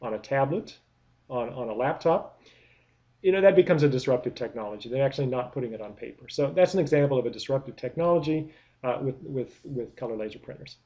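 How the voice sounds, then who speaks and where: A man lecturing in a mellow, darker voice at an ordinary pitch. He walks through his points with rhetorical questions and often restarts his phrases. The recording sounds a little dull and lo-fi. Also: fast talker. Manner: explanatory, many rhetorical questions, frequent restarts. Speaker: product management lecturer.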